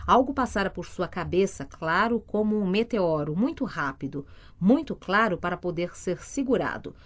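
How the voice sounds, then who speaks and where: A woman's voice: fairly low pitch, animated, moderate pace. Woman narrating an audiobook. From Brazil. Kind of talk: scripted narration.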